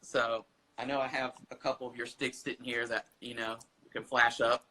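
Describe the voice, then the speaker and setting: A man's voice: mid-range voice, flat delivery, moderate pace, sharp tone, rough recording. A man hosting an online interview show, asking questions in a chatty, curious way. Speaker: host.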